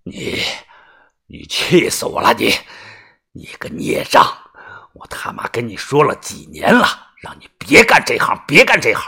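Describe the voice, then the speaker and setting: A man doing a gruff seventy-year-old grandfather. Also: low voice, big pitch swings, a little slow, pushed and bright, pitched below the performer's own voice, exaggerated voice. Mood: furious. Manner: scolding, gruff, barking.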